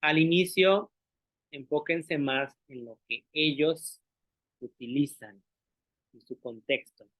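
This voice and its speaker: A man's voice: on the high side, slow pace, pauses often, fairly bright tone, dry recording. A male teacher gives an explanatory talk to other teachers, patiently checking that listeners follow along and modeling sounds aloud. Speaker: language teacher presenting to teachers. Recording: dry, tinny phone-like sound.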